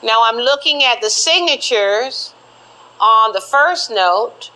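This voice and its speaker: A woman's voice: fairly high pitch, animated, slow pace, pushed and bright, slight background noise, poor audio. A woman TV court judge questioning people in a stern, authoritative manner.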